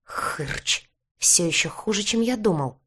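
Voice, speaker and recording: Figure: gruff, scolding young man from another world. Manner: impatient, curses under his breath. Performer: a woman doing the voice in an audiobook. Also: medium pitch, lively intonation, measured pace, fairly bright tone. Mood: grumbling.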